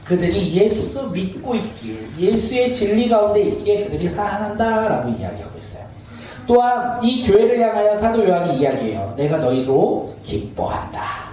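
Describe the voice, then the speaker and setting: A high-voiced man preaching as a pastor, quizzing his congregation and waiting for their replies. He tells homely stories in a lively way, laughing as he goes. He sounds far from the mic in a church hall full of echo. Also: a little fast, slight background noise. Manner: asks the congregation questions and waits for replies; lively, acts out everyday scenes with laughter. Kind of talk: sermon. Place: church sanctuary. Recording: echoey church hall from a distance.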